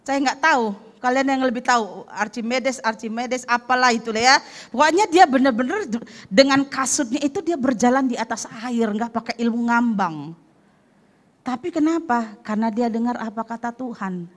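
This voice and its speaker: A woman pastor preaching a lively sermon, acting out the story and putting questions to the congregation. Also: fairly high pitch, moderate pace. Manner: animated, acts out the story and asks the congregation questions. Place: church service.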